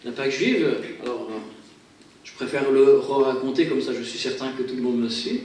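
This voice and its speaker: A man's voice: medium pitch, moderate pace, a little mellow. A man introducing a song at a church, chatty and often repeating words as he restarts his sentences. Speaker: guest singer at a church. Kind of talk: casual spoken introduction to a song. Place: church hall. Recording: very echoey hall, from far off, faint noise.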